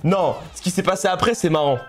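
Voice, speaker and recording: A man's voice: sits high, fast, faint music behind. A young man from France chatting casually on a live stream while playing a game, telling stories and laughing often.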